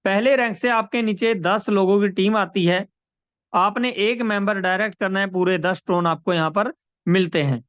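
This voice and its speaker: A man giving a persuasive sales pitch on a video call, repeating numbers and calling listeners friends. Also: moderate pace, fairly bright tone, smooth, no echo. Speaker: presenter of a money scheme. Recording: dry, dull lo-fi call audio.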